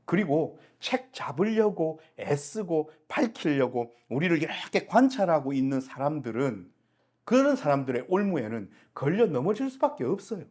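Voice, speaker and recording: A man's voice: a little high, big pitch swings, normal speed, a little mellow. A middle-aged male pastor preaching a Sunday sermon, asking the congregation rhetorical questions and answering them himself.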